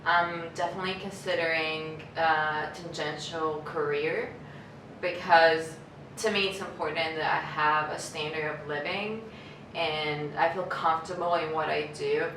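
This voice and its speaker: A woman's voice: low-pitched, fairly even intonation, measured pace, a bit bright. A young woman from Albania, an architecture student, speaking candidly and reflectively. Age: young adult. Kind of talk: casual interview answers. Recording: echoey room, distant mic, noise.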